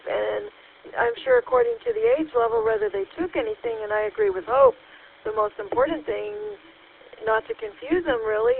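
A woman with a high, gravelly voice checks in to a radio net over a walkie-talkie. She rambles and thinks aloud, filling her speech with fillers. The tinny two-way radio carries a faint hiss.

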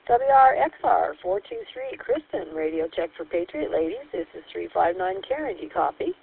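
A woman's voice: mid-range voice, big pitch swings, vocal fry, slightly rough. Woman calling a radio net over walkie-talkie. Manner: friendly, measured, with hesitant fillers. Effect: heard over a two-way radio. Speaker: net control host. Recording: tinny two-way radio with faint static.

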